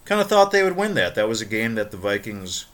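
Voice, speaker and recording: A man's voice: lowish voice, big pitch swings, brisk, a bit bright. Playful, wordy man hosting a podcast. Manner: playful, wordy, emphatic delivery. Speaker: podcast host. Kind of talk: podcast monologue.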